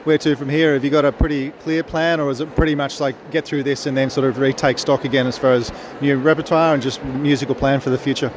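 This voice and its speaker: A man's voice: medium pitch, level tone, quick pace, few pauses. An Australian man hosting a casual on-the-spot podcast interview, chatty and hesitant as he shapes his questions. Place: busy convention venue. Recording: noisy location recording, busy venue ambience.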